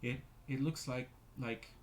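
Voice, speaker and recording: A man's voice: mid-range voice, big pitch swings, moderate pace, a little hiss or hum, pitched above the performer's own voice. A man voicing a frightened middle-aged woman, a widowed sister who shrieks in horror at what she sees. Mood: horrified.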